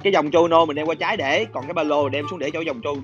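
A man playing a shooter game, talking fast and getting excited in casual banter with friends. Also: a little high. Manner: excitable, shouts and laughs at the game. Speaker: gaming streamer. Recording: muffled game capture with loud music.

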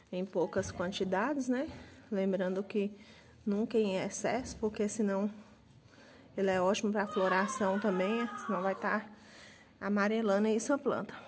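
A woman's voice: medium pitch, a little mellow. A woman from the interior of Minas Gerais, Brazil, with a Minas Gerais accent, chatting casually in her home garden and tagging her lines with filler words. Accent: Brazilian Portuguese, Minas Gerais. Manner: chatty, tags lines with "né" and "pessoal". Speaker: gardening vlogger. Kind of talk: casual how-to vlog. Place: home garden, outdoors by a street. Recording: faint street noise. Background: street noise, passing trucks.

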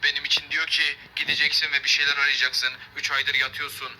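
A man's voice: fairly high pitch, completely flat delivery, a little fast, heavy background noise, close to an everyday voice. A man voicing a whiny one-armed young woman survivor in a game role-play, complaining and exclaiming. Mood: indignant.

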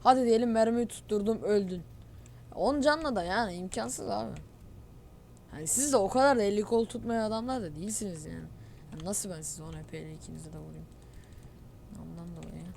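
A woman's voice: mid-range voice, brisk, gravelly, a little mellow, a little hiss or hum. A woman giving live gameplay commentary, talking straight to her viewers and ranting in exasperation about a suspected cheater. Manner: talks to viewers directly. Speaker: gamer, channel host.

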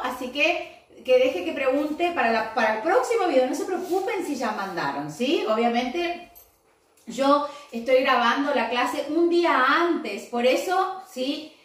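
A woman teacher with a high voice, giving a recorded English lesson to children. She explains each step patiently and keeps checking that everyone follows. She sounds far from the mic in a very echoey room. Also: fairly bright tone. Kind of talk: recorded online class for young pupils.

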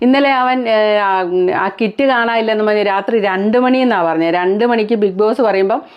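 A woman's voice: medium pitch, brisk, clean tone, lo-fi sound. A woman from Kerala giving blunt, critical reality-show commentary as a vlogger, full of rhetorical questions.

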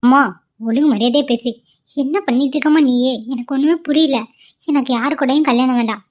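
A woman's voice: high-pitched, fairly even intonation, fairly quick, darkish tone, dull audio, close to an everyday voice. A woman voicing a stubborn, devoted young wife in a cartoon, pleading and insistent. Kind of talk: cartoon voice acting.

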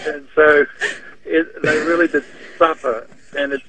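A man's voice: a little high, steady tone, a little slow, noisy background. A man explaining something with amusement.

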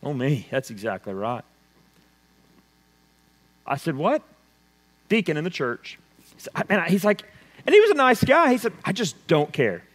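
A man preaches from the pulpit, his somewhat high voice carrying a long church reverb. He drives his points with loud emphasis, then drops to a hushed, intense delivery. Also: wildly swooping pitch, normal speed, pauses often. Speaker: pastor. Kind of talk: sermon. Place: church sanctuary.

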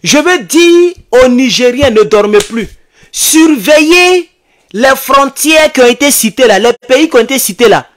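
Recorded on a desk microphone right in front of him in a small home studio, an Ivorian activist host in his thirties addresses his online followers. His voice is very high and his pace measured, yet his commentary is impassioned, urgent, animated and emphatic, with phrases repeated for effect.

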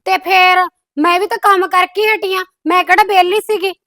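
A woman's voice: very high-pitched, fairly even intonation, a little fast, bright, forceful tone, no room sound, clean studio sound, exaggerated voice. A woman playing a put-upon young sister-in-law. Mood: defensive. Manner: complaining, protests that she does all the work. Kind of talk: comedy skit acting.

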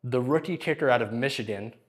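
A man's voice: mid-range voice, fast talker. A man trading jokes and casual talk while working out in a gym. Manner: joking, goofy, deadpan wordplay.

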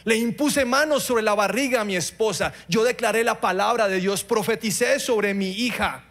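A middle-aged man preaching a sermon, passionate, swinging between loud pleading and quiet moments. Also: sits high, normal speed. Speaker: pastor.

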